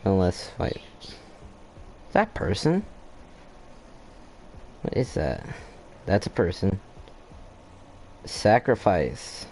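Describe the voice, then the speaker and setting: His voice is low and creaky, with wildly swooping pitch, an extremely slow pace, frequent pauses and a darkish tone, plus a little hiss or hum. He's doing laid-back let's-play commentary on a game's story quest, thinking aloud, often trailing off and restarting sentences, and reacting with short exclamations.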